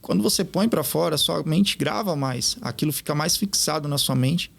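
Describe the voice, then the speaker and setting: A man, a podcast guest telling stories in an animated way and acting out what others said. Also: on the high side, normal speed, gravelly. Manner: animated, quotes others in lively retellings. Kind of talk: casual storytelling interview.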